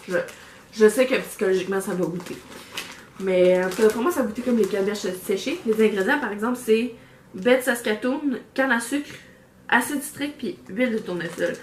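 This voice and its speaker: A woman with a Québécois accent talks through an unboxing in a loose, rambling way, full of fillers and restarts. Her voice sits at an ordinary pitch and is picked up by a camera mic. The room is echoey, with a faint hiss of noise behind her. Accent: Québécois French. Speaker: vlogger reviewing a subscription box. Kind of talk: casual unboxing chat. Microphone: camera microphone.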